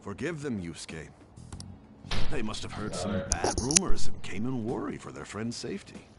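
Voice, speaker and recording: An elderly, courteous painting master from a video game. His voice is gravelly and rather low, rising and falling dramatically as he placates. Background ambience is clearly audible. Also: very animated, normal speed, over loud music. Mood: placating. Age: older. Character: cranky-sounding old male painter, mild, polite master. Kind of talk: English video game voice acting.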